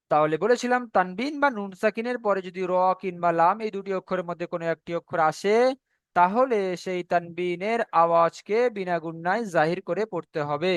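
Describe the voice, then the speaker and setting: A man with a fairly high voice teaches Quran recitation, walking through each rule step by step. He draws out the recited words slowly so they can be copied. The sound is close and dry, with no room echo. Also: clean tone. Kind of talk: online tajweed lesson.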